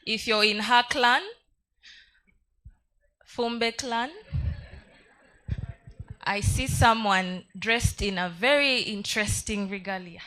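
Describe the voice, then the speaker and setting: A woman's voice: mid-range voice, takes it slowly, long pauses, sharp tone. A woman with a Ugandan accent informally hosting a live audience, playfully coaxing people to take part. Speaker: event host.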